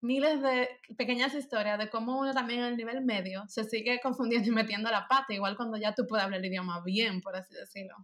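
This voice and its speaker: A young woman, telling stories as an animated co-host in a casual chat. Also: on the high side. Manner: animated storyteller, fast and chatty.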